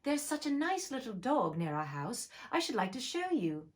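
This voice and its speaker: A woman pitches her voice above her own to play a polite, curious young girl who chatters earnestly. The delivery is fairly high, very animated, and at a moderate pace.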